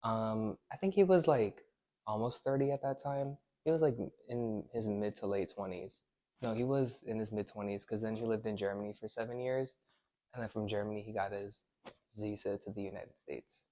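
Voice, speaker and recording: A man's voice: fairly low pitch, moderate pace, dark tone. A young man interviewed for a documentary, speaking casually and correcting himself. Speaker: student interviewee.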